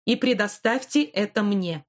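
A woman's voice: mid-range voice, measured pace, lightly acted. Woman voicing a firm, caring old grandmother. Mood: alarmed. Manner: warm but stern, reassuring. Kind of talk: audiobook character voice.

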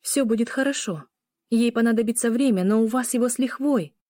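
A woman voicing a gentle, peacemaking she-wolf sister in an audiobook, soft and soothing. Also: on the high side, animated, normal speed, no room sound, studio quality, voice pushed up, lightly acted.

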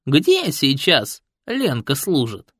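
A creaky, gruff old village man, as the male reader of an audiobook puts him on, blunt and folksy as he spins his tale. His voice rises and falls with lively swings, and the recording is close and dry. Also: mid-range voice, takes it slowly, dry recording, full character voice. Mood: storytelling. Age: older. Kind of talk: audiobook character voice.

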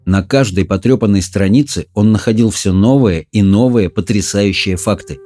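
A man narrating an audiobook in an even, measured reading. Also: lowish voice. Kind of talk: scripted narration.

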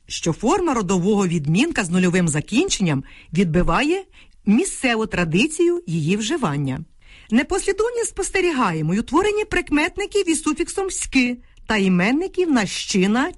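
Woman, middle-aged, higher voice, lively pitch, precise didactic reading, dry studio sound. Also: dry recording. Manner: precise, didactic, reads carefully. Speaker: linguist answering listener letters. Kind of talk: scripted radio explanation.

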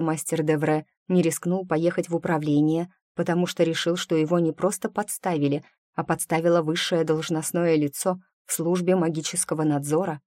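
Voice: medium pitch, darkish tone, no echo, clean studio sound. Спокойный, ровный голос чтеца фантастической аудиокниги, записанный близко к микрофону. Звук сухой, комнаты почти не слышно. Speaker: audiobook reader. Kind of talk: scripted narration.

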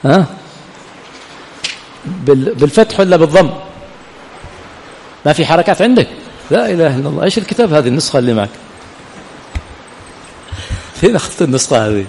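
A man teaching a class, his voice sitting fairly high for a man. He quizzes his students and answers his own questions. The sound rings with a long hall reverb over a faint background ambience. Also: expressive, fast talker, creaky, pauses often, darkish tone, slight background noise. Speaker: teacher of hadith and grammar. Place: lecture hall of an Islamic study center.

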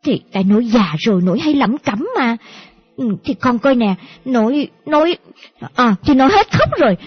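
A woman's voice: fairly high pitch, lively intonation, moderate pace, husky. A woman voicing a tearful, doting old grandmother, fussing and repeating herself in an audiobook. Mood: soothing. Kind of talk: audiobook character voice. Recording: dull lo-fi audio with faint music.

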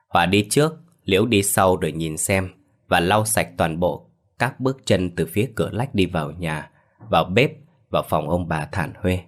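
A man narrating a scripted horror story in a steady, matter-of-fact way. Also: low-pitched.

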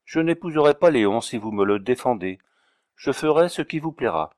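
A man reading aloud, voicing a gentle young woman who speaks in an imploring way. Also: medium pitch, expressive, normal speed, no room sound, studio quality, lightly acted. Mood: pleading.

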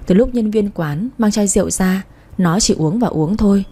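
Warm, husky young woman narrating. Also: mid-range voice, moderate pace. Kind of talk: scripted first-person story narration.

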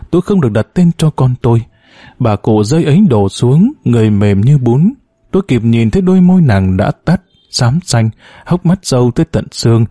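A man narrates a novel in the first person, in a somber and measured way. His voice is mellow and dark in tone, recorded close and dry with no room sound. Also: medium pitch, no echo. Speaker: audiobook narrator.

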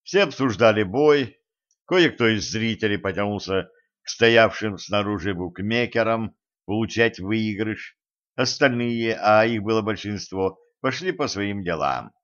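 An audiobook reader with a fairly low male voice, narrating in a steady, even way. The recording sounds dull and lo-fi, with the top end cut away. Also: a little slow. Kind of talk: scripted narration.

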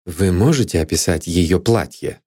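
A man's voice: sits low, slightly rough, no room sound, studio quality. A man voicing a patient but firm male detective who questions a witness, in an audiobook. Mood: measured. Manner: calm and measured.

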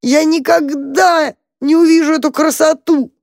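A reader voicing an old gentleman mole, pompous yet kindly and easily moved to tears, in a storybook reading. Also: medium pitch, big pitch swings, normal speed, no room sound, studio quality, pitched above the performer's own voice. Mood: sobbing.

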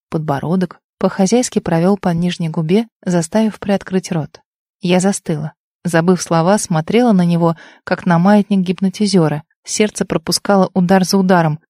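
A woman's voice: fairly low pitch, mellow, no room sound, studio quality. Woman narrating a first-person novel. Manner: emotional, intimate storytelling. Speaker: audiobook narrator.

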